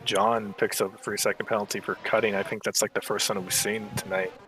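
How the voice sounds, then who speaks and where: A man's voice: fairly low pitch, flat delivery, a little fast, bright, forceful tone, soft background music, poor audio. A man giving conversational live motorsport commentary as a co-commentator, a bit hesitant as he pieces the action together. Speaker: motorsport co-commentator in an online sim racing broadcast.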